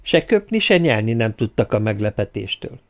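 A man reading an audiobook aloud in a steady, expressive storytelling manner. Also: lowish voice. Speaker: audiobook narrator. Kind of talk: audiobook narration. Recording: slightly dull lo-fi audio.

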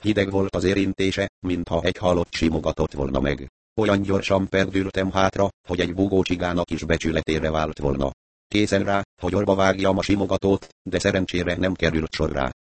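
A man narrating an audiobook in a steady storytelling manner. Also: low-pitched. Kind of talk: scripted narration.

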